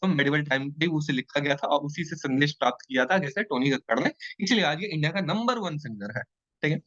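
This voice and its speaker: A man's voice: fairly high pitch, brisk, no room sound. A man teaching an online exam-prep lecture in a playful way, checking in with his students often. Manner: lively, playful teaching with frequent check-ins. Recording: dull lo-fi dry sound.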